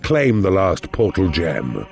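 An actor playing a sinister evil mentor in a video game, giving a grave, commanding briefing in a gravelly, theatrical voice. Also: male voice, low-pitched, wildly swooping pitch, slow, a little mellow, exaggerated voice. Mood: menacing, commanding. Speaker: mission briefing narrator. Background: music.

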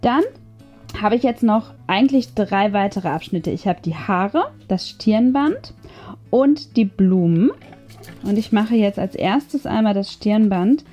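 Slow and expressive, a craft video host with a medium-pitched, dark-toned voice narrates her tutorial casually, thinking aloud as she goes. Music plays behind her.

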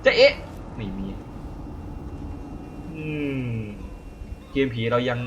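A man's voice: mid-range voice, wildly swooping pitch, very slow, lo-fi sound. A young man narrates his horror game run with nervous, running chatter. He talks constantly to keep his fear down, and his voice jumps up sharply when something startles him. A faint hiss sits in the background. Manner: chatty, keeps talking to beat his fear; jumpy exclaims in alarm. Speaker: gaming channel host. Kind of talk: horror game let's play commentary.

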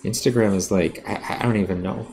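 A man's voice: fairly low pitch, fairly even intonation, a little fast, a little mellow, a little hiss or hum. A man teaching drawing during a live stream, talking casually and bluntly with lots of fillers. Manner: self-aware about sounding defensive. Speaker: art teacher. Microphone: streaming setup while drawing.

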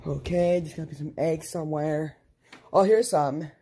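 A woman's voice: low voice, moderate pace, mellow, a little hiss or hum. A woman hosting a plush toy show, chattily narrating her toy play and talking to herself. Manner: chatty, talks to herself while acting out play.

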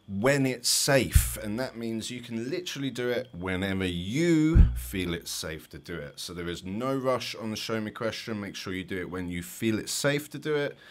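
A man with a London accent, a driving instructor giving chatty, explanatory commentary over driving test footage with light jokes. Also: on the low side.

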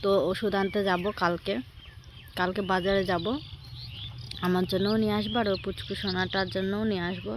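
A woman's voice: mid-range voice, flat delivery, fairly quick, background noise. A woman vlogging outdoors while she has a cold and a cough, sometimes coaxing a small child in a sing-song voice. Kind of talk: casual vlog narration. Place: outdoors in fields.

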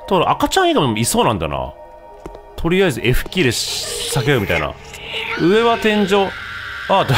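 A man talks through a game he's playing, his tone wry and mocking. His pitch leaps around constantly, and he breaks into sudden startled shouts. A faint game soundtrack hums underneath. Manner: wry, mocking, jumpy with sudden loud outbursts. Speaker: gameplay streamer. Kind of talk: casual gameplay commentary.

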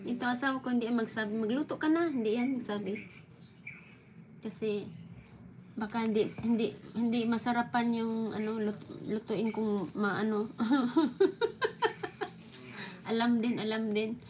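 A chatty woman hosts a relaxed live stream, talking to her viewers and breaking into laughter between phrases. Her voice sits a little high, and a steady hiss of room noise runs under it. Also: a little slow, long pauses. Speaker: livestream host reading viewer comments. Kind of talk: casual live chat over coffee.

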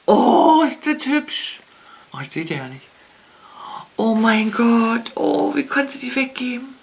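A woman chatting casually as she unboxes makeup, gushing with many soft whispered asides. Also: fairly high pitch, very animated, unhurried, gravelly, slight background noise. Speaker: beauty vlogger.

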